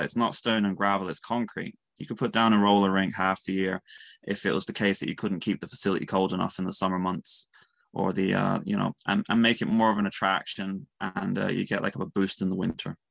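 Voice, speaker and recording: A man from County Mayo with a west of Ireland accent, giving casual interview answers in an earnest, halting way that repeats words. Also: lowish voice, gravelly, fairly bright tone, dry recording. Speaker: youth sports coach and player.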